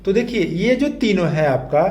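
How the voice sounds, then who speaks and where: Male chemistry teacher, high voice, patient and repetitive, echoey room faint hiss. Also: lively intonation, moderate pace, darkish tone. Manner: patient, repeats key terms and asks the class questions. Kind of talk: classroom lecture with memory tricks.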